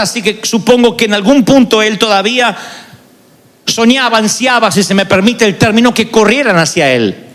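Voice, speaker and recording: Male pastor, sermon, very lively pitch, long hall echo. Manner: confessional, dramatic storytelling. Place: large church arena.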